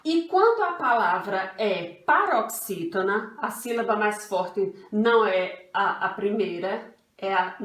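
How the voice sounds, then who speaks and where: Brazilian female primary teacher, unhurried and repetitive delivery, recorded in a roomy space from a distance. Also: medium pitch. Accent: Brazilian Portuguese. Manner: patient, refers to herself as "tia", repeats rules slowly. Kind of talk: online grammar lesson for children. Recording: echoey room, voice from a distance.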